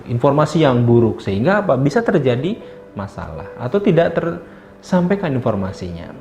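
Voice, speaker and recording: A man's voice: medium pitch, darkish tone. Casting note: male lecturer, chatty and friendly, roomy sound, slightly dull audio, faint music behind. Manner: addresses listeners as friends, many tag fillers. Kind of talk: casual lecture.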